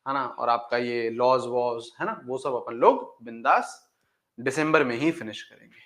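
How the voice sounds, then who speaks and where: A man with a mid-range, slightly bright voice speaks a little slowly as he gives a chemistry lecture and farewell chat to his class. Repetitive by habit, he poses and answers his own questions and calls his students "beta" with warmth.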